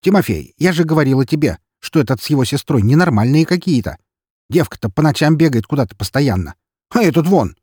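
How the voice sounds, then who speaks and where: A man's voice: fairly high pitch, lively intonation, a little fast, darkish tone, breathy edge, no room sound, clean studio sound, voice pushed up. A man voicing an indignant neighbor woman in her forties who scolds in a raised voice. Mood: scolding.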